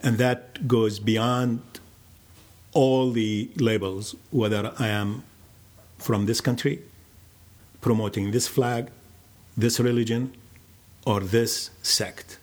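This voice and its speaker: An older man from Iraq, telling his life story in a slow, measured, reflective way with many pauses. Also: medium pitch, fairly even intonation. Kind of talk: personal storytelling.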